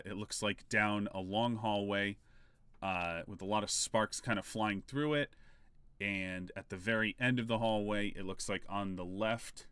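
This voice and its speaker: A man narrating a tabletop role-playing game as game master, in a laid-back, halting way with frequent pauses. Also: on the low side, fairly bright tone, clean tone, dry recording.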